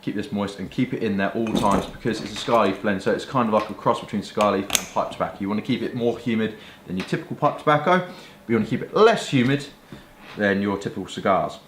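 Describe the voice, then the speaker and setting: A man's voice: on the low side, expressive, fast. A British man chatting casually to camera in a rambling, colloquial way, like a hobby vlogger. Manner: rambling, colloquial, mild swearing. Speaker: pipe-smoking vlogger showing pipes and tobacco. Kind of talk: casual product chat to camera. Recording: roomy echo with faint background noise.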